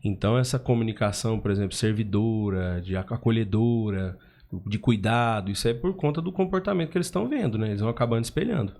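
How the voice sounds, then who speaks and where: A man's voice: on the low side, fast, darkish tone. A man talking casually as a podcast guest, with restarts and fillers.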